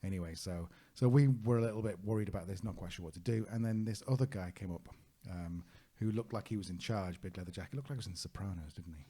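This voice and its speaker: A man's voice: sits low, quick pace, hardly any pauses, warm tone. A man co-hosting a travel podcast, chatting casually and rambling through anecdotes with lots of fillers. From United Kingdom.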